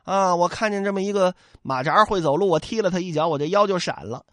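A man's voice: sits high, fast, no room sound, studio quality, lightly acted. A man voicing a flustered, henpecked fellow who stammers and pleads.

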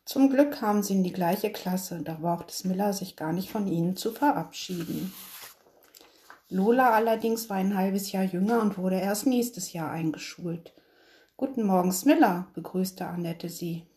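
Mellow-voiced woman reading a children's story. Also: medium pitch, a little slow. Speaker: narrator.

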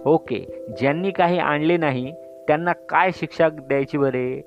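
A man's voice: fairly high pitch, normal speed, close to an everyday voice. A man voicing a showy, flirty male cooking teacher in a storybook reading, sprinkling in English phrases, on a dull lo-fi recording with faint music.

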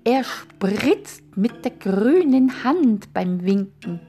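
A woman's voice: on the high side, big pitch swings, drawn-out words, mellow, husky, faint music behind, exaggerated voice. A woman voicing a pompous male frog conductor who gives fussy orders to his orchestra, for a storybook fable. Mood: instructing.

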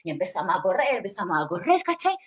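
A young woman with a Chilean accent telling a story casually, animated and slangy, acting out the dialogue. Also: mid-range voice, quick pace. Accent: Chilean Spanish.

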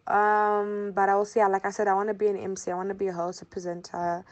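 With little pitch movement, her mid-range voice moves fast. The Zimbabwean-accented woman, in her early twenties, gives conversational interview answers and frequently repeats phrases for emphasis.

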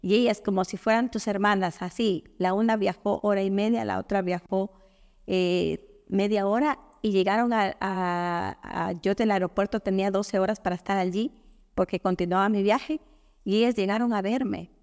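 Mujer ecuatoriana contando anécdotas muy animada, sala con eco largo. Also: female voice, medium pitch, normal speed, long reverb tail. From Ecuador. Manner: animated storyteller, quotes others in dialogue. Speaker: guest. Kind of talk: casual conversational interview.

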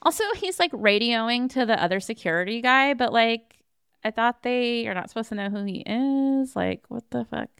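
A woman's voice: on the high side, animated, moderate pace, gravelly, a bit bright, clear, resonant tone, dry recording, studio quality. A woman podcast host recapping a film plot in casual chat, with wry, sarcastic asides.

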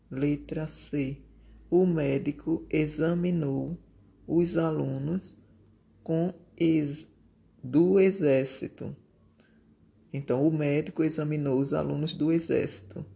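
Schoolteacher correcting answers aloud, gravelly voice, unhurried and methodical. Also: mid-range voice, dark tone. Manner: slow, deliberate, repeats each answer word. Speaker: primary school teacher. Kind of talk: correcting workbook exercises aloud.

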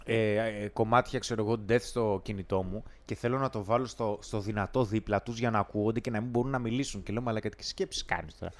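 A man, co-hosting a casual podcast chat and telling stories with lively, acted-out exchanges. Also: lowish voice, hardly any pauses. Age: 30s. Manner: animated storytelling, acts out quarrels. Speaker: podcast co-host.

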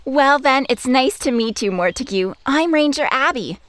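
A cheerful cartoon ranger sounds relaxed and reassuring. Her high voice bounces lively up and down as she talks. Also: moderate pace, no echo. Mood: breezy. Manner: breezy and reassuring. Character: calm, cheerful female substitute ranger. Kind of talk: cartoon voice acting.

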